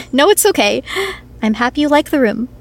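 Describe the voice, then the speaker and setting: Brief: a woman playing a polite hostess, bright-pitched, descriptive. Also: animated, moderate pace. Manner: courteous, descriptive tour-guide tone. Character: polite attentive inn hostess. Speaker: inn hostess.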